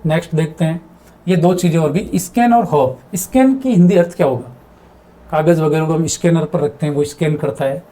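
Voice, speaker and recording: High-pitched man teaching English grammar. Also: mellow. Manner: repeats words and asks himself questions; mixes English terms into his explanations. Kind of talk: explaining grammar in a video lesson.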